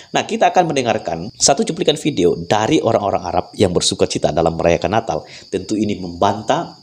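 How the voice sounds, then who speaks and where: A man giving spoken commentary on a clip in a measured, preaching tone with drawn-out pauses. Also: low voice, a little mellow, a little hiss or hum. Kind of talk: reaction commentary.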